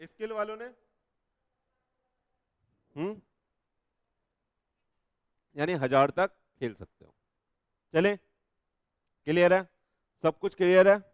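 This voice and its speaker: A man with a high, smooth, resonant voice lectures on law. He keeps checking whether the class follows him and reads legal passages slowly. The sound is close and dry. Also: no echo. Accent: Hindi. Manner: animated, coaxing students with repeated checks. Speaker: law teacher.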